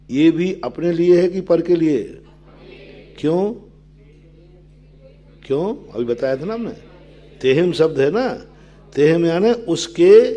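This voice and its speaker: An older man, a Jain monk, giving a sermon that explains scripture, asking his listeners questions and answering them, with verses chanted in a low sing-song. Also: warm tone.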